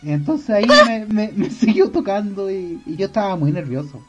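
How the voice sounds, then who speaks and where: A man's voice: sits high, normal speed, very noisy. A man with a Chilean accent telling a rambling story in casual chat, stammering and repeating words. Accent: Chilean Spanish. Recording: dull lo-fi sound.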